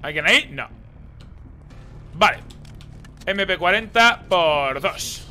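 An excitable man streams a shooter and comments as he plays. His voice sits high and sounds very bright, and it swoops up and down with lively energy. Game music plays faintly behind him. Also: takes it slowly. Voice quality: excitable, swears and blurts reactions. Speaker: gaming streamer. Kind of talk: live gameplay commentary.

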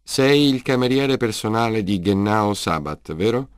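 A man's voice: lowish voice, animated, measured pace, clean tone, no echo. A man voicing a weary male detective in an audiobook, asking dry, probing questions. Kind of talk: audiobook character reading.

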